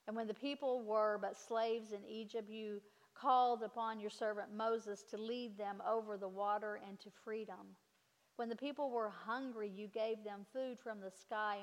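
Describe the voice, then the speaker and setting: A woman pastor leading communion liturgy in a solemn, measured, declamatory way with deliberate pauses. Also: medium pitch. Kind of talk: solemn liturgical address and prayer. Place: large church or hall during a service. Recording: reverberant hall with long echo.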